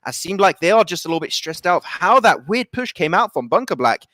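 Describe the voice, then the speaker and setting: A man casting a live mobile shooter match, excitable and rising to shouts on big plays. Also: sits high, fairly quick, dry recording. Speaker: esports caster. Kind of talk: live game commentary.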